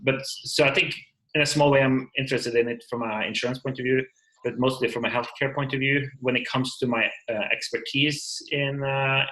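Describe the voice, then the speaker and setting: A man introduces himself on a video call, pausing often and filling gaps with ums. His voice sits at an ordinary middle pitch. The talk is loose and unscripted. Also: a bit bright, poor audio. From Norway. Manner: hesitant, many fillers and restarts. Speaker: meeting participant introducing himself.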